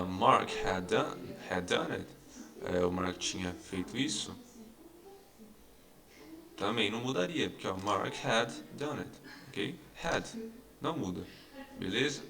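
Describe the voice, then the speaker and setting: A man's voice: low-pitched, gravelly. A man teaching English grammar in an online lesson. He explains patiently and repeats each example, checking in with his students again and again.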